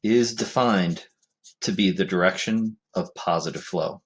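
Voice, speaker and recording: A male physics teacher giving a recorded lecture in a conversational way, often checking in with "right?" and pausing on fillers. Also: sits low, husky.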